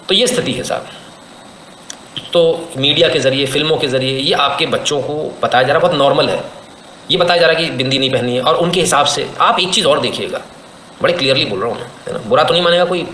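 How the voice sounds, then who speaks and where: A man's voice: fairly high pitch, fairly bright tone, roomy sound, slight background noise, low-quality recording. A man doing live commentary on a stream and reading viewer comments, talking emphatically with rhetorical questions and sarcastic laughs.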